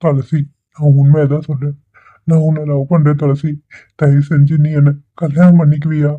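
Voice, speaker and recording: Man doing a lovesick cartoon guy, keeps pleading, flat voice, tinny phone-like sound. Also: fairly high pitch, normal speed, natural voice. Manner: pleading, insistent. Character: desperate lovesick young village man. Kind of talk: dubbed cartoon dialogue.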